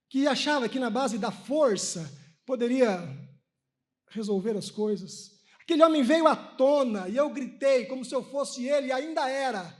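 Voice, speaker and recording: At a religious conference, a spiritist lecturer, a Brazilian man in his thirties, addresses the audience in a lecture hall with a very high voice. He tells personal stories energetically and acts out each line of dialogue in the voices of the people involved.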